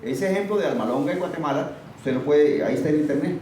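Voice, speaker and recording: A man's voice: a little high, quick pace, dark tone. A man preaching a sermon emphatically, firing rhetorical questions at his listeners. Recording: very echoey, far from the mic, faint noise.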